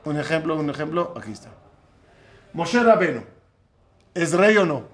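A man teaching a Torah class as a rabbi, with a high voice and an unhurried, deliberate pace. He keeps turning to his listeners with questions and acts out the voices of the people in his stories. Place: room with a live class.

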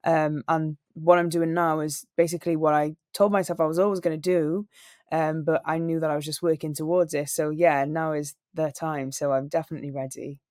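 This is an interview conversation with a young Welsh woman who works as a singer and radio presenter; she replies sincerely and in a narrative way. Her low, slightly mellow voice stays level in tone and moves a bit fast, recorded in echo-free studio quality.

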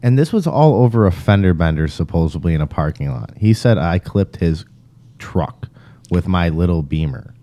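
A young man co-hosting a podcast, telling a story in brash, profane, excitable chat. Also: sits low, normal speed. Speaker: podcast co-host.

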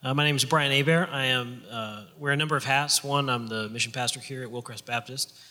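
A man, a mission pastor and seminary teacher, introducing himself in a measured, matter-of-fact way. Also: medium pitch, steady tone, pushed and bright, in a large hall. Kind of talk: panel introduction.

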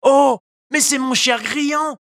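A reader voicing a young wooden puppet boy, high and earnest, in a storybook reading. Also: normal speed, no echo, clean studio sound, natural voice. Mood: eager. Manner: high, excited, earnest pleading. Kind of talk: storybook narration.

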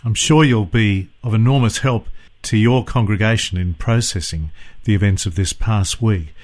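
A man hosting a radio interview, asking calm, courteous questions. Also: lowish voice, normal speed. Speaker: radio host.

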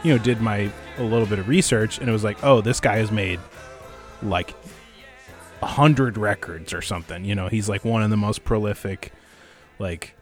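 A man's voice: fairly low pitch, moderate pace, soft background music. A man chatting casually about records in a gushing frat-bro way, peppering his talk with "dude" and "like".

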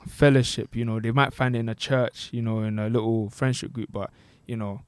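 A man's voice: medium pitch, little pitch movement, a little fast, smooth, dry recording. A young man with a London roadman accent, chatting casually and slangily as a podcast co-host. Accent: London, multicultural urban slang. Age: young adult. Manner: London roadman-style slang, frequent tag questions. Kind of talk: casual chat.

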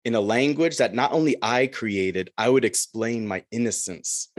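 A man voicing a lonely, brooding male minotaur in a slow, measured poetry reading. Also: medium pitch, dry recording, studio quality, voice pushed up, lightly acted.

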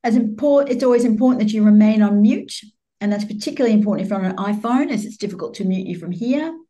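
Dark-voiced woman making announcements. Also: medium pitch, fast. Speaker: event host giving housekeeping announcements. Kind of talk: semi-formal spoken announcement.

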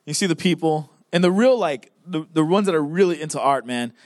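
A young man preaching in a casual, emphatic way, circling back on his phrases as he drives each point home. His voice sits high for a man, and the sound is dry and close. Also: lively intonation, fairly quick, darkish tone, dry recording. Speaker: pastor. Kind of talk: sermon.

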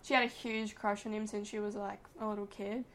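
A woman's voice: mid-range voice, level tone, fairly quick, fairly bright tone. A woman co-hosting a podcast, chatting casually and gushing like a gossipy storyteller. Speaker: podcast co-host. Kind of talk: casual chat.

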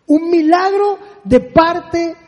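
High-voiced man preaching in a hall. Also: very slow, darkish tone. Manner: asks the listeners rhetorical questions. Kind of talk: sermon.

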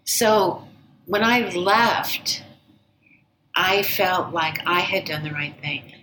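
A woman with a notably low voice, recounting her story with earnest, measured calm. She often sinks almost to a whisper. The recording carries a clear hiss of background noise. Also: rough recording. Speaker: interview guest, former agency director. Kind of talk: reflective personal storytelling.

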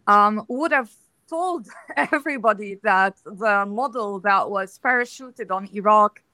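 A woman giving analysis as a guest in a panel discussion. Her voice is pitched a little high and sounds bright and clear, and it is recorded dry and close. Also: measured pace, no room sound.

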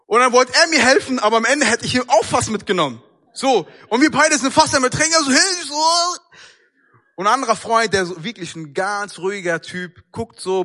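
A young man with a high, bright voice gives a casual, storytelling sermon. He talks in everyday slang and acts out the people in his story with lively shifts of voice. His tone is crisp and clear throughout. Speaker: preacher.

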